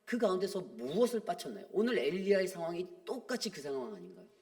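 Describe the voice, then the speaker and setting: A man's voice: high-pitched, big pitch swings, fast, darkish tone. A man preaching a dawn-prayer sermon as pastor, earnest and conversational, acting out voices in the story. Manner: earnest preaching, acts out dialogue in conversational Korean. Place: church sanctuary.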